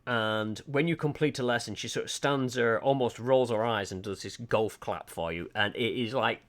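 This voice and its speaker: An art livestreamer from Lancashire, England, with a Lancashire accent, chats casually to his stream viewers through a desk mic with his webcam off. His voice is medium-pitched and his pace normal, and he rambles in a chatty, self-deprecating, hesitant way, full of ums.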